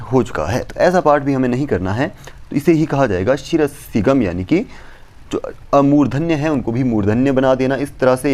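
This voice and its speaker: Man teaching, steady and measured. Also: mid-range voice. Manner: recites verses slowly, then explains in measured steps. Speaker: Sanskrit teacher. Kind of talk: explanatory lecture.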